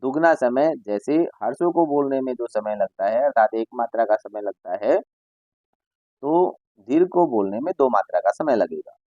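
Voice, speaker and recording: A man's voice: medium pitch, expressive, normal speed, warm tone, dry recording, dull audio. A male Sanskrit teacher explaining a school lesson to children. He reads Sanskrit lines, then explains each one in Hindi, and imitates bird calls as examples.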